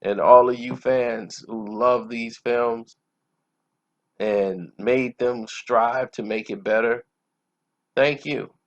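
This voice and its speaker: This movie reviewer and channel host speaks slowly and steadily in a mid-range voice. He chats informally about what he thinks of films, captured in dull, lo-fi audio.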